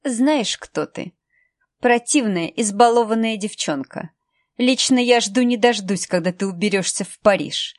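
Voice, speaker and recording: A woman's voice: mid-range voice, unhurried, dry recording, clean studio sound, natural voice. A woman voicing a cold, sarcastic female assistant who speaks mockingly with steel in her tone.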